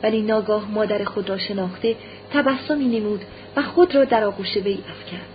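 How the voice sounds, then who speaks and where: A woman narrating a classic novel as an audiobook in a measured storytelling manner. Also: mid-range voice, lo-fi sound, a little hiss or hum.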